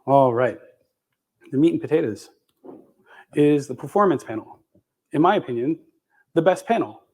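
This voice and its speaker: A man's voice: on the high side, lively intonation, normal speed, darkish tone. A man giving a live conference tech demo in a loose, profane, filler-heavy way while chewing gum. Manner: casual, profane, lots of fillers and restarts. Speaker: conference speaker. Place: conference stage with audience.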